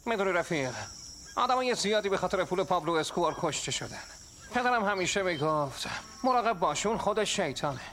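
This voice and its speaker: A man dubbing a nervous gang member who keeps pleading with others to stay calm. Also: sits high, faint music behind. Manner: pleading, placating. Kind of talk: dubbed film dialogue.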